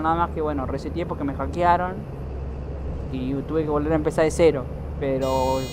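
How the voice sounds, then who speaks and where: A high-pitched Argentine man with an Argentine accent gives casual live commentary while streaming a driving game, chatting with viewers and swearing now and then. Background noise is present.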